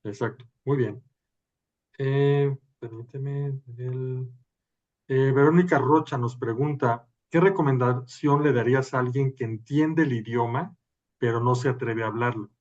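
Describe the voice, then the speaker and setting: A man's voice: medium pitch, normal speed, darkish tone. Lo-fi male webinar moderator. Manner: brief and affirming. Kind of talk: reading out audience questions. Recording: dull lo-fi audio.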